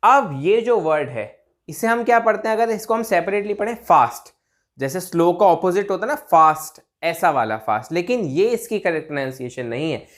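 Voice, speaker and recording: Lively male teacher drilling pronunciation. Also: high voice. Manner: repeats words slowly, drawn out, checks in with "theek hai?"; writes on a board while talking. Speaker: English teacher. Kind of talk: pronunciation lesson.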